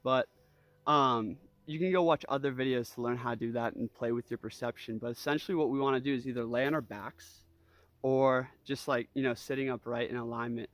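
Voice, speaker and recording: A man with a mid-pitched voice leads a breathwork lesson. He talks casually and loosely, checking in as he goes. He gives repeated, simple cues like an informal instructor demonstrating a practice. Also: fairly even intonation, fairly quick, a bit bright, dry recording. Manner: easygoing, loose phrasing peppered with "you know", "like" and "right?"; guiding with repeated imperative cues.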